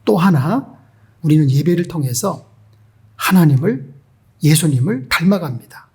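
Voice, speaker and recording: A man's voice: on the high side, animated, unhurried, mellow, husky. A male pastor preaching an emphatic sermon and putting rhetorical questions to the congregation.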